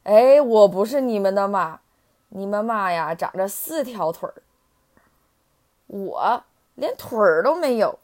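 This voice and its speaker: A woman doing a loud, blunt big fish. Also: medium pitch, animated, a little slow, long pauses, close to an everyday voice. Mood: dismissive.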